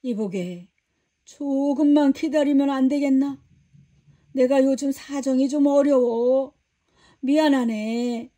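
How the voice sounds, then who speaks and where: A humble, poor older man pleads softly and slowly in a children's storybook, as a woman voices him. His speech is old-fashioned and meek. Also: high voice.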